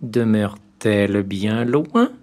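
A man voicing a sly, hungry male wolf in a read-aloud fairy tale, speaking slowly and deliberately. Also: lowish voice, darkish tone. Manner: scheming, slow and deliberate.

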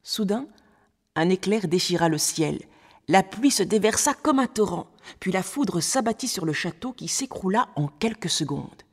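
A woman reading a fairy tale aloud in a measured, expressive way. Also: medium pitch, husky. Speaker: storyteller. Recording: long hall reverb.

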